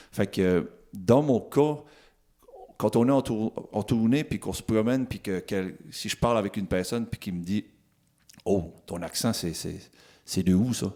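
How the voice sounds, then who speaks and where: A man's voice: lowish voice, darkish tone. A singer-songwriter from the Magdalen Islands with a Magdalen Islands French accent who drops his R sounds, chatting easygoingly between songs with many restarts. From Magdalen Islands, Quebec. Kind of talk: casual stage talk between songs.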